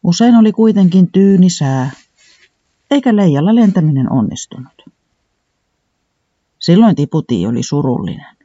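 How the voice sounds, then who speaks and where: A man narrating a children's storybook in an animated, sing-song reading style. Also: high voice, pauses often, no echo, lo-fi sound.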